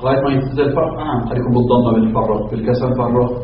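A man, a student in a classroom discussion, who talks rapidly and raises objections. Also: medium pitch, reverberant, lo-fi sound, a little hiss or hum.

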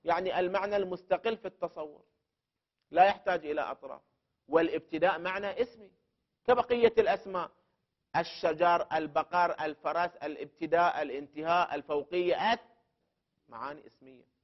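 High-voiced man lecturing step by step. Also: a little fast. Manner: explains step by step, repeating terms for emphasis; addresses the student directly and poses questions. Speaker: teacher of jurisprudence principles. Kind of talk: classroom lecture. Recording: dull lo-fi recording.

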